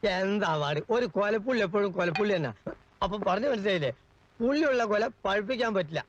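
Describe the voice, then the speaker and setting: A man's voice: high voice, expressive, a little fast. An actor playing a fussy, boastful, gossipy man who minds a lawyer's house, in a 1980s comic film. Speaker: lawyer's relative and caretaker. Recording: dull old film sound.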